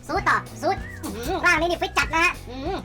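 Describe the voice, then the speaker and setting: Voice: extremely high pitch, fast. A person chattering casually through an eating challenge, repeating short urgings between mouthfuls and slurps. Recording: loud music behind the voice. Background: music.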